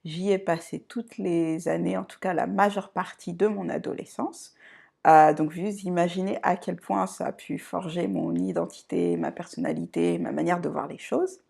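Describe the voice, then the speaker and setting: Low gravelly-voiced woman vlogging. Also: darkish tone. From Côte d'Ivoire and France. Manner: reflective, unhurried, often searching for words. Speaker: channel host. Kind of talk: personal introduction vlog.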